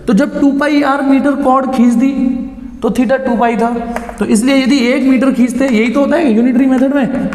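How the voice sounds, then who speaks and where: A man's voice: very high voice, a little mellow. A male physics teacher working through a problem step by step, repeating key phrases and mixing in English terms. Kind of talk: blackboard lesson. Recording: echoey room with long reverb.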